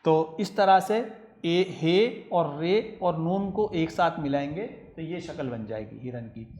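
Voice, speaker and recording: Man, teacher, children's lesson, patient step-by-step spelling, unhurried, fairly high voice, echoey room. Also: a little mellow. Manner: patient, repeats letter names step by step. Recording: roomy echo.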